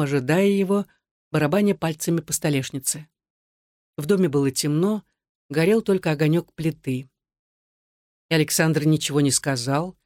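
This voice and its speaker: An audiobook narrator reading a novel in a steady, even storytelling manner. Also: mid-range voice, dry recording, clean studio sound. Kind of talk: scripted narration.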